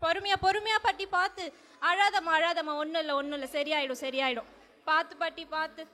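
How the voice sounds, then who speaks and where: A woman's voice: very high voice, fairly even intonation, a little fast, pushed and bright. A woman playing an anxious young village mother soothing her crying baby, in an amateur role play. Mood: pleading. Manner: fretful, pleading.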